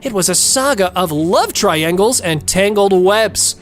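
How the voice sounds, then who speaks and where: A woman narrator with a medium-pitched, very animated voice delivers gossipy scripted recaps. She is cheeky and theatrical, with faint music underneath. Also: unhurried. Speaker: show narrator.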